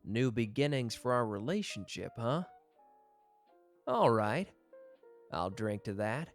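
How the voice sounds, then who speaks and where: A man's voice: medium pitch, expressive, slow pace, faint music behind. Man playing Chuuya, teasing mafioso with swooping intonation. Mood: warm, flirtatious.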